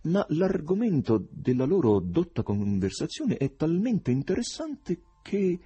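A man voicing a courteous foreign stranger in a radio reading of a novel, slow and exaggeratedly polite. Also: a little high, big pitch swings, mellow, breathy edge, voice pushed up, full character voice. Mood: ingratiating. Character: suave foreign stranger, courteous, eerily curious.

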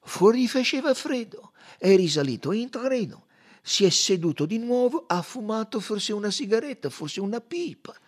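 A man's voice: high-pitched, expressive, normal speed, voice pushed up. Poirot, a man voicing a fussy detective. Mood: coaxing. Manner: coaxing, insistent questioning. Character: fussy, probing older male detective. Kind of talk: audiobook reading.

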